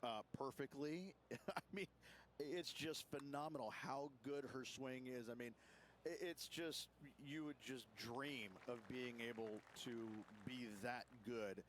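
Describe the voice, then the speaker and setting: A man's voice: medium pitch, a little slow, a little hiss or hum. A man giving golf color commentary, chatty and jokey, laughing easily between points.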